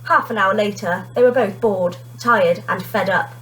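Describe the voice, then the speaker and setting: A woman teacher reads a children's storybook aloud, narrating expressively in a mid-range voice at normal speed. The audio quality is poor.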